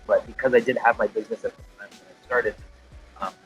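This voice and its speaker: A man's voice: medium pitch, flat delivery, quick pace, dull audio, faint music behind. A man, a glass artist, guesting on a podcast, talking in a loose, profane way with many fillers and restarts. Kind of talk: casual chat.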